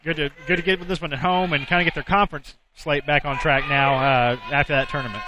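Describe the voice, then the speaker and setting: A man giving relaxed, analytical color commentary on a college volleyball game. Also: fairly high pitch, fast. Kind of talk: sports commentary.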